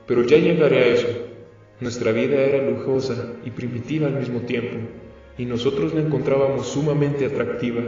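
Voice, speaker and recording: A man's voice: medium pitch, warm tone, natural voice. A man reading a courteous old vampire. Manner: polite, confiding, unhurried. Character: courteous centuries-old male vampire, calm and measured. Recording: echoey, distant, dull, faint music.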